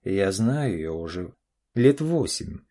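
A man's voice: low voice, very animated, slow, warm tone, full character voice. A man voicing a pushy, anxious young adult daughter in an audiobook, pleading and insistent. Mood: incredulous. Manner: pleading, insistent, keeps saying "dad". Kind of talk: audiobook character voice.

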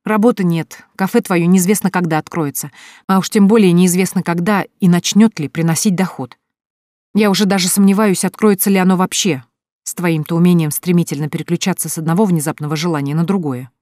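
A woman voicing a sharp-tongued, practical young woman who teases and lectures her friend. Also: on the low side, steady tone, fairly quick, no echo, studio quality, natural voice. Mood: lecturing. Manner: teasing, coolly lecturing.

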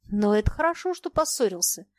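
A woman voicing an earnest, sharp-tongued young bookish woman who argues with passion. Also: mid-range voice, sing-song, no echo, natural voice. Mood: scornful. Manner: earnest, impassioned, quick to argue. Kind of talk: audiobook character reading.

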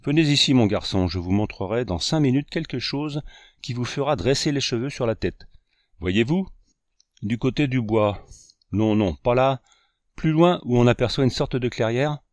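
Spry old hunter chief, read by a man, brisk, fatherly, storybook, dry sound. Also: mid-range voice, animated, no room sound, close to an everyday voice. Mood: eager. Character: spry, commanding old male hunting leader.

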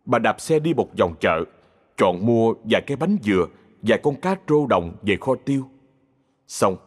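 Husky low-voiced male story narrator. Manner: measured storytelling. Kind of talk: scripted narration. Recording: long reverb.

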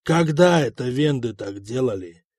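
A man's voice: mid-range voice, animated, unhurried, a little mellow, no echo, clean studio sound. A man voicing an old grey-haired king who speaks in a blunt, commanding, scornful way. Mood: stern, commanding.

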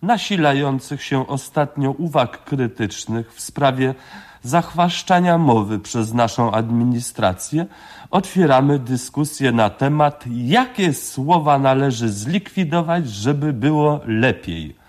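A fussy committee chairman holds the floor in a satirical radio sketch, voiced by a man. He speaks loudly in pompous bureaucratic phrases, with a lively, swooping delivery. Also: mid-range voice, a little slow, close to an everyday voice. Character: fussy officious male meeting chairman.

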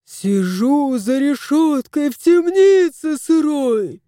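A woman's voice: high-pitched, animated, takes it slowly, dark tone, dry recording, studio quality, voice pushed up. A woman voicing a vain, indignant male house cat who complains theatrically in a storybook reading. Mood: aggrieved.

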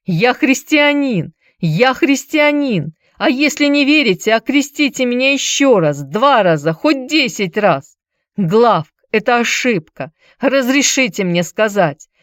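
A woman's voice: fairly low pitch, unhurried, no room sound, studio quality, close to an everyday voice. A woman voicing a cringing old male Greek trickster who whines, fawns and begs for mercy. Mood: desperate. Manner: whining, pleading, fawning.

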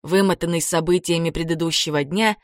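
A woman with a lowish voice reads a novel aloud in calm, even narration. The recording is dry and close, with no room sound. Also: a little fast, dry recording. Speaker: audiobook narrator. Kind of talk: scripted narration.

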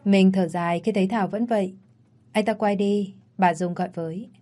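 Woman reading a story out loud, steady narration, scripted. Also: medium pitch, brisk.

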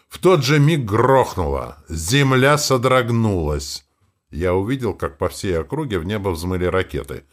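Low-voiced expressive male audiobook narrator. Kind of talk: scripted first-person narration.

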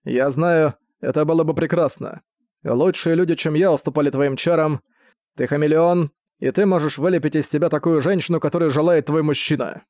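A man reading an audiobook, playing a weary, calm knight leader who speaks in a measured way. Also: a little high, no echo, clean studio sound, lightly acted.

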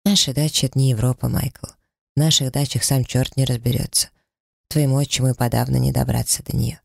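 A man's voice: mid-range voice, little pitch movement, brisk, vocal fry, breathy edge, dry recording, clean studio sound. A man voicing an earnest, clever young female student in an audiobook, reasoning things out aloud. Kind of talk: audiobook character reading.

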